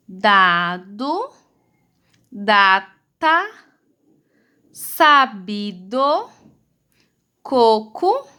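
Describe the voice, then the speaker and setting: Slow, sing-song Brazilian woman teacher. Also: high voice, bright, forceful tone. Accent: Brazilian Portuguese. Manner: affectionate, slow and sing-song, spelling out syllables. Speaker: primary school teacher. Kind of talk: remote lesson for young children.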